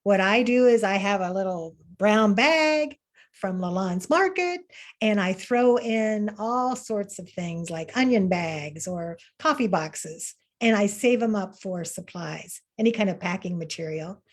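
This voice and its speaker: A woman's voice: mid-range voice, lively intonation, measured pace. Upbeat woman teaching an art webinar. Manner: upbeat, encouraging, with fillers and restarts. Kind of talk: webinar lesson. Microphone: video call.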